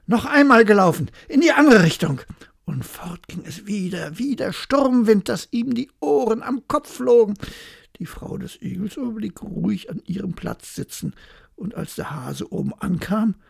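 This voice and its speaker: A storyteller reading a bedtime fairy tale in a lively, expressive way, with a gravelly, very husky voice. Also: medium pitch, a little slow, no room sound, clean studio sound.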